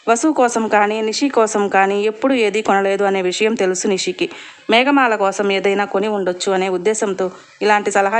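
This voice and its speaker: A woman reading a family drama story aloud as narrator, speaking every character's lines in her own voice. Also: mid-range voice. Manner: voices all family characters herself with little change. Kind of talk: scripted story narration with dialogue.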